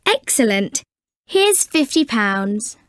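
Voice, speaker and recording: A woman playing a polite shop customer in a scripted language-lesson dialogue, enunciating clearly with exaggerated intonation. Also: a little high, sing-song, takes it slowly, a bit bright, no room sound, clean studio sound, exaggerated voice. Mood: polite, interested.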